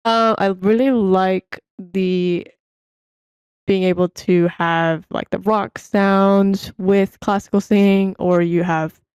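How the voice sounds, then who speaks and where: A woman's voice: medium pitch, fairly even intonation, slow, darkish tone, smooth, dry recording. A woman opera singer chatting casually as a guest, thoughtful and hesitant, with many fillers. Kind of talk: casual reaction chat.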